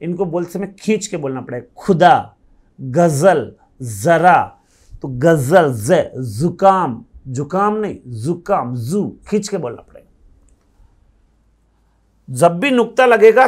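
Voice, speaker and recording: With a high-pitched voice and lively intonation, an Indian man leads a grammar lesson at the board. He explains patiently, goes over words slowly and keeps asking the class for yes or no answers.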